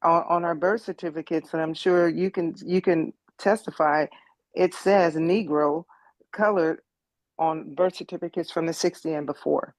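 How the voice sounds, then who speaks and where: A woman's voice: low-pitched, steady tone, normal speed, a little mellow, dry recording, low-quality recording. Lady in her sixties telling her story on a video call, earnest, keeps repeating words, dry sound. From United States. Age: 60s. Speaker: meeting participant. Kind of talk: personal testimony in an online meeting.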